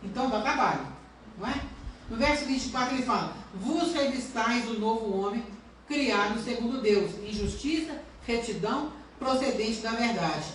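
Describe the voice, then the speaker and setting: In a church, captured at a distance, a female pastor delivers a heartfelt sermon and poses questions to the congregation. She speaks a little high with lively intonation at normal speed, and the recording carries heavy reverb plus slight background noise.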